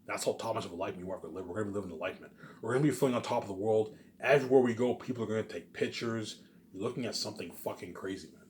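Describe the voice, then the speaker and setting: A man with a fairly low, darkish voice races through a rambling vlog monologue against slight background noise. He boasts, swears, stresses his words, repeats himself, and fields questions he poses to himself.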